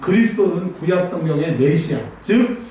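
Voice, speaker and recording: 교회 예배당에서 설교하는 높은 톤의 목사, 울림이 큰 남자 목소리. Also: male voice, high voice, normal speed, slight background noise. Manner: animated preaching, acting out voices and scolding, laughing often. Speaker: pastor. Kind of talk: sermon. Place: church sanctuary. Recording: very echoey hall, mic at a distance.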